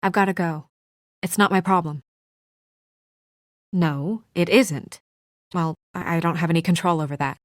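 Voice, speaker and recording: An actress plays a brisk, guarded young female office assistant in a noir video game drama, speaking crisply, dryly, and in a businesslike manner. Her voice is on the low side and steady, lightly acted, with no room sound.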